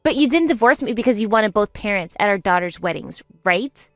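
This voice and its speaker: A woman's voice: medium pitch, animated, fairly quick, fairly bright tone, no echo, clean studio sound, faint music behind. A woman playing a spiteful wife in her fifties. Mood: stunned. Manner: defensive and self-pitying, rising to pleading. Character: selfish spiteful wife near sixty.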